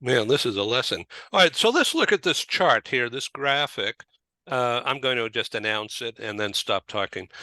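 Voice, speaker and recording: A man's voice: mid-range voice, pushed and bright, no room sound. An American man hosting a talk show, chatting casually with many fillers and restarts. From United States. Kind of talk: casual interview chat.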